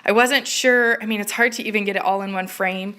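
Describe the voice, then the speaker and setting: A woman's voice: medium pitch, fairly quick. A woman chatting casually and informally as she gushes through a live home makeover reveal tour. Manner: gushing, excited makeover reveal. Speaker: home decor blogger giving a live video tour. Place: indoors in a home dining room.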